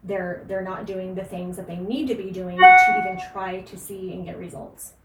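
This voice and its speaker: A woman's voice: medium pitch, fairly even intonation, normal speed, a bit bright, faint music behind. A woman podcast host giving casual, emphatic fitness and nutrition advice, with frequent fillers. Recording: echoey room, distant mic, faint noise.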